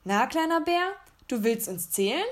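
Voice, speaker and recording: A woman voicing a teasing star in a storybook reading, in a high sing-song voice. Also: very animated, normal speed. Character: teasing bright favorite star in the sky.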